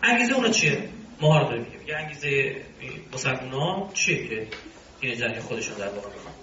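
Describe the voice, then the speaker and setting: A man's voice: medium pitch, very animated, bright, forceful tone, a little hiss or hum. A male religious commentator who gives an argumentative lecture, breaking off now and then into mocking asides. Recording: roomy, distant, dull sound.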